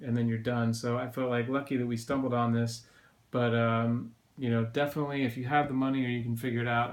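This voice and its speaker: A man speaks casually to his viewers in a personal vlog update while nursing a sore throat after surgery. His pitch sits in an ordinary male range and moves very little. He explains things in a loose, rambling, conversational way. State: recovering from tonsillectomy, sore throat. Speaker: video blogger.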